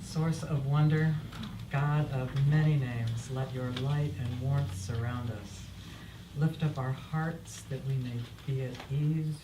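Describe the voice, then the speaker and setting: A funeral officiant delivers solemn memorial prayers with measured reverence. The voice sits at a middle pitch and reaches the mic from far off in an echoey room. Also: fairly even intonation. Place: echoey indoor memorial service space. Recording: distant mic in echoey room, faint noise.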